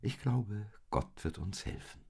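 A man voicing Maria, a gentle, eager and trusting young woman, in a read-aloud storybook, his voice lifted well above its usual low register. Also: expressive, measured pace, breathy edge, exaggerated voice. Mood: soothing. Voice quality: raised, bright voice.

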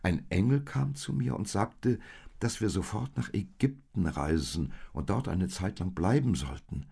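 A man voicing a doubting young husband in a storybook, calm and reasoning, in a low gravelly voice. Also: measured pace, exaggerated voice. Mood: thoughtful.

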